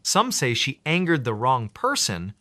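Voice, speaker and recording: A man voicing a kindly elderly woman librarian who speaks in a sorrowful, gentle way. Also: medium pitch, wildly swooping pitch, measured pace, no echo, heavily acted. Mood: sad.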